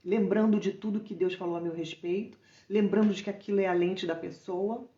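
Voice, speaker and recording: A woman's voice: medium pitch, fairly even intonation, brisk, dark tone, reverberant, lo-fi sound. A Brazilian woman and mother giving an informal, conversational sermon, asking listeners rhetorical questions. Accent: Brazilian Portuguese. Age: adult mother.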